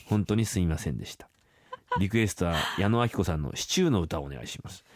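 A man's voice: low voice, animated, fast talker. A man co-hosting a radio show, reading listener confessions aloud in a casual, teasing way and laughing along. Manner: joking, teasing, reads letters with laughs. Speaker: radio co-host. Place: radio studio. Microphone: studio microphone.

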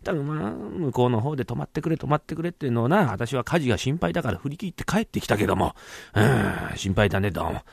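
A man's voice: sing-song, fast, creaky, hardly any pauses, husky, no echo, full character voice. A man doing a stingy, scolding old merchant. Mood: grumbling. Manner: low, grumbling, lecturing. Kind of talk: rakugo storytelling.

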